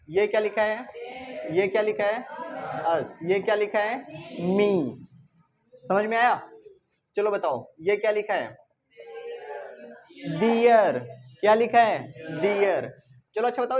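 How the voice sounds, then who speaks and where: A male teacher running a reading drill for his class, quizzing them with repeated call-and-response questions and coaxing and teasing them to answer louder. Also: high-pitched, noisy background. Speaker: English teacher. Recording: slightly dull lo-fi recording.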